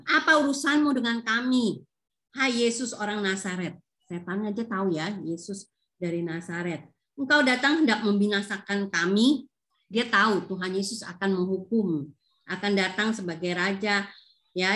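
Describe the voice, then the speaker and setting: A woman from Indonesia, a Sunday school teacher, tells a Bible story to children in a chatty way, full of fillers and tag questions. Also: mid-range voice.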